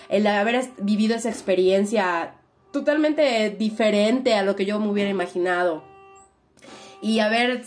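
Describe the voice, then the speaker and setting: A young Mexican woman with a Mexican accent and a medium-pitched voice appears as a guest in a casual interview. She tells her story in an animated, reflective way, leaning heavily on fillers.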